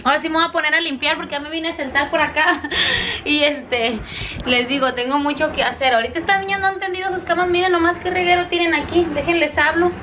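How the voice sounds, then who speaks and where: A mother who makes family vlogs chats casually with her viewers from home, warm and talkative, and often calls them "chicas," addressing them as girls. Her voice is high and quick, with slight background noise.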